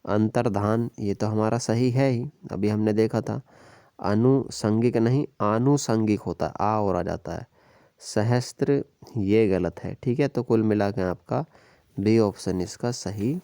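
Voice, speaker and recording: Low-voiced man teaching a Hindi lesson. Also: dark tone, no echo. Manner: explains step by step, repeats "ठीक है" and "याद रखिएगा". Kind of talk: exam-prep Hindi lesson.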